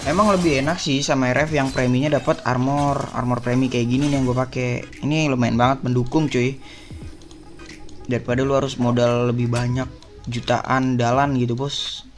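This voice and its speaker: A man's voice: mid-range voice, steady tone, normal speed, soft background music. A young man from Indonesia giving casual gameplay tips, chatty and slangy, calling his viewers boss and buddy. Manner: slangy, chummy, addresses viewers as bos and coy. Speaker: gaming YouTuber.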